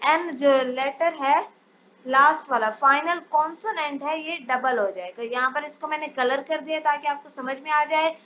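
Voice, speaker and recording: A woman teaching English spelling rules in a step-by-step lesson, reading each English rule out slowly before explaining it. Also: high voice, sharp tone. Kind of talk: spelling lesson over slides. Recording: dull lo-fi sound, faint hiss.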